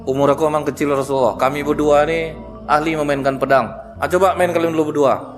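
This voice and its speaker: A man's voice: a little high, steady tone, a little fast, faint music behind, lightly acted. A man voicing two eager young boys who plead to be allowed to join a battle. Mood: earnest. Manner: pleading, earnest.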